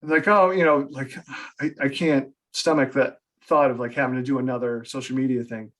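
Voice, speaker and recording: A man's voice: mid-range voice, fairly even intonation, moderate pace, a bit bright. American guy on a podcast, chatty, pokes fun at himself, laughs a lot, medium voice. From United States. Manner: chatty, self-deprecating, laughs often. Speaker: podcast guest, author. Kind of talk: casual interview chat.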